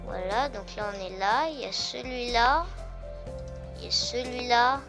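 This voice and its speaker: A woman with a fairly high voice talks slowly through a gameplay commentary and thinks aloud, filling gaps with "euh" and "donc". Game music plays clearly behind her. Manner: chatty, thinking aloud with fillers. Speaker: gaming video host.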